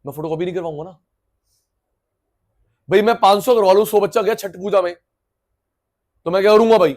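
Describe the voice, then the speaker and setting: A middle-aged man giving a lively, chatty classroom economics lecture, acting out students through everyday examples. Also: high-pitched, fairly quick. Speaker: economics teacher.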